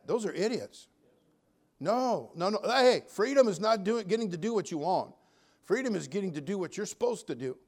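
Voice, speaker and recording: An American man in his seventies with a distinctly high voice delivers a sermon in the manner of a folksy Baptist preacher of long standing. His style is emphatic: he leans hard on key phrases in loud exhortation, then eases into quiet, joking asides.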